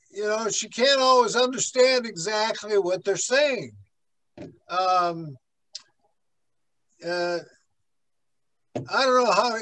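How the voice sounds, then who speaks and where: Slow, high-voiced pastor teaching a class. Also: male voice, fairly bright tone, rough recording. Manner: slow, rambling, with many fillers and asides. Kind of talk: conversational Bible class lecture. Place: church classroom.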